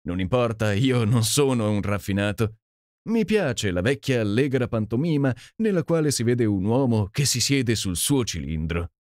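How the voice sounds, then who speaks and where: A man reading an audiobook and voicing a boisterous, jovial Canadian gentleman with a hearty, exclamatory manner. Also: medium pitch, animated, normal speed, dry recording, close to an everyday voice. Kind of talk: audiobook character voice. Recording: dry close sound.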